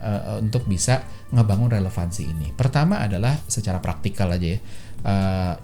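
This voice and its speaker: Warm and fairly low in pitch, this male podcast host talks casually and chattily on his own, explaining things. He uses plenty of fillers and performs the voices he quotes.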